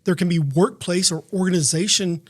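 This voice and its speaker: Higher-pitched guy, earnest preachy podcast co-host, quotes scripture a lot. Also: brisk. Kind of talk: faith-based leadership discussion.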